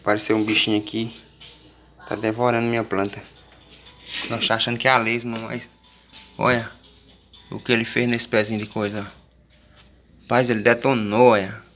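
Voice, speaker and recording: A man's voice: lowish voice, little pitch movement, normal speed, long pauses, a bit bright, a little hiss or hum. A man with a Northeastern Brazilian accent, chatting casually to viewers about his garden in a folksy, plain-spoken way. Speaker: vlogger. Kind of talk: casual plant vlog.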